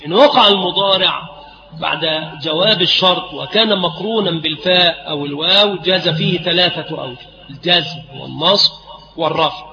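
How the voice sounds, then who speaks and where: A man teaching an Arabic grammar lesson, dictating slowly and deliberately and repeating each phrase. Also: on the high side, pushed and bright. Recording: echoey, dull lo-fi recording.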